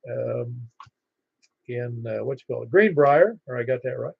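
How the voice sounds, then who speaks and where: A man acting as net controller on amateur radio, calling for check-ins haltingly and repeating call signs in phonetics. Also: medium pitch, expressive, vocal fry, slightly rough, no echo. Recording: dull, band-limited ham radio audio.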